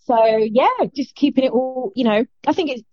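A middle-aged woman with a South London accent, chatting casually as an interview guest in a halting, self-interrupting way over a muffled remote call. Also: high voice, no room sound. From South London, England. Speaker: fitness instructor, interview guest.

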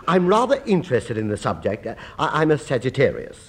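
An actor playing a fussy, flustered lodger who stammers, in a radio comedy. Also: male voice, medium pitch, very animated, brisk, slightly rough.

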